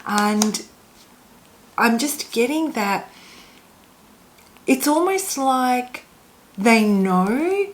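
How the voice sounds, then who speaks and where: A woman reading oracle cards for viewers like a fortune teller, offering spiritual guidance in a halting, reflective, unscripted way. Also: a little high, animated, low-quality recording. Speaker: oracle card reader.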